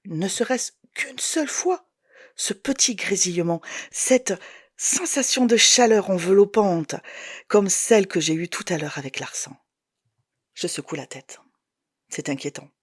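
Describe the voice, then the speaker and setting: A woman's voice: lowish voice, a little mellow, dry recording, studio quality. A woman in her forties reading her own novel aloud as a first-person audiobook, telling the story expressively. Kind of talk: audiobook narration.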